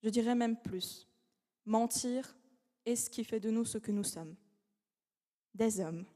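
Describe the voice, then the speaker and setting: With a warm tone, a young woman studying law delivers a formal competition speech in French, which isn't her first language. Her fairly high voice carries with a long reverb across a large academic hall, and she paces dramatic phrases with deliberate rhetorical pauses.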